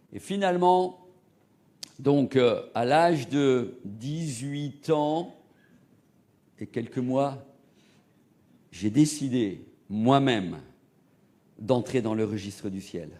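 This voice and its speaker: In this sermon, a middle-aged Portuguese evangelist recounts his personal testimony. His delivery swings between loud, emphatic high points and quiet, low asides.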